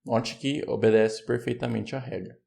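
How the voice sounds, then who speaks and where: Brazilian guy teaching english sounds, gravelly mellow voice, drags words out to show them. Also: mid-range voice, steady tone, faint music behind. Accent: Brazilian Portuguese. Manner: patient, explains then repeats words slowly. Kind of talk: online pronunciation lesson.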